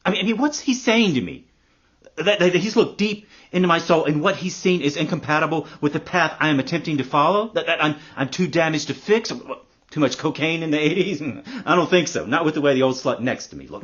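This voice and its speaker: A man's voice: fairly high pitch, lively intonation, fairly quick, husky, muffled recording. An actor playing an embittered, vindictive middle-aged man in a sardonic, profane monologue. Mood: ranting, bitter. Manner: sardonic and profane, hushed storytelling turning to loud ranting. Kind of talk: acted dramatic monologue.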